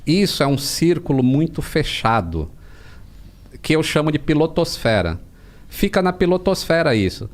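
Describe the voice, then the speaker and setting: A Brazilian man as a podcast guest, telling stories in a casual, animated way, with plenty of slang and swearing. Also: a little high, normal speed. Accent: Brazilian Portuguese. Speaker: podcast guest, aviation creator. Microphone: studio podcast mic.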